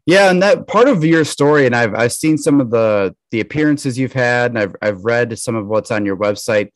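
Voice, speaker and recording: A man hosting a podcast, earnest and measured, a bit halting when asking questions. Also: medium pitch, expressive. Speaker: podcast host. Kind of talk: podcast intro and interview.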